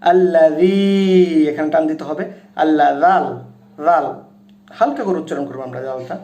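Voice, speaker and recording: A man teaching Quran recitation and pronunciation, explaining to viewers and then chanting each word of the verse slowly and loudly. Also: fairly high pitch, roomy sound. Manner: addresses viewers directly and repeatedly. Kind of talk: tutorial on Quran pronunciation and tajweed.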